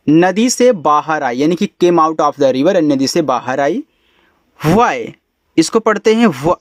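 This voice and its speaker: A man gives a patient English reading lesson, spelling each word slowly, letter by letter. His voice sits a little high. The recording is dry and close, with no room sound. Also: dry recording. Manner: slow, patient letter-by-letter spelling with Hindi explanations. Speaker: English teacher.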